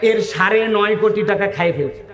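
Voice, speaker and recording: Fiery male preacher, high voice, shouts at the crowd, long echo behind. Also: moderate pace, a little hiss or hum. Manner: shouting, rousing the crowd with call-and-response questions. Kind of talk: fiery outdoor sermon. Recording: echoey hall with long reverb.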